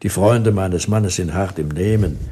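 A cold, sneering woman doctor barks orders and talks down to her patient, as a man reads her aloud. The voice stays husky and darkly coloured, pitched low. It is an audiobook reading. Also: a little slow, dark tone. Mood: commanding. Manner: scolding, condescending.

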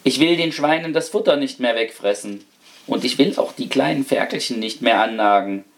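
A man's voice: medium pitch, animated, a little slow, slight background noise, natural voice. A man voicing a scheming, self-pitying rat that speaks with false politeness and solemnity. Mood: solemn pleading. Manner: wheedling, falsely solemn and mannerly.

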